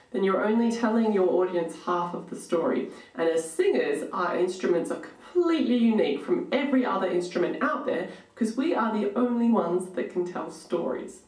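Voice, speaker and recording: A woman's voice: medium pitch, a little mellow. Echoey, encouraging woman singing coach. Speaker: singing coach, host of an online tutorial show. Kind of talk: instructional lesson to camera. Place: small home room, indoors. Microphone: microphone on boom stand, close in front. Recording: roomy echo, somewhat distant from microphone. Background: electronic keyboard notes at times.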